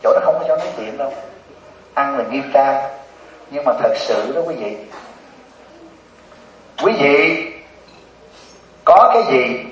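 A man with a Southern Vietnamese accent, a Buddhist monk giving a humorous dharma talk to a congregation as a lively, teasing storyteller. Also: medium pitch, slow pace, long pauses, a little hiss or hum. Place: hall with a live audience. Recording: roomy dull sound from a distant mic.

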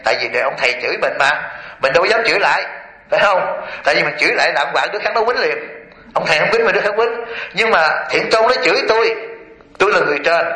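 A man's voice: on the high side, bright, forceful tone. A Buddhist monk gives a sermon to a lay audience. He keeps quizzing his listeners with rhetorical questions and often chuckles as he tells stories. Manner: chuckles often while storytelling. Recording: echoey hall.

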